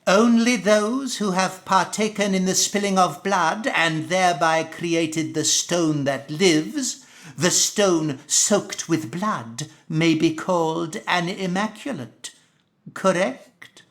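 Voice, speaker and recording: High-voiced, slow, solemn cult zealot. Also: male voice, fairly bright tone, heavily acted. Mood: ceremonial. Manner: solemn, preachy, grandiose archaic phrasing. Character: zealous cult priest of a bloodthirsty goddess. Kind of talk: theatrical video game acting.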